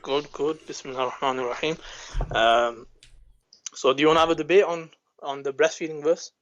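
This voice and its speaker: Man, caller, measured, hesitant, fillers, fairly high voice, muffled lo-fi audio. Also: fairly even intonation. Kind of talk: call-in debate.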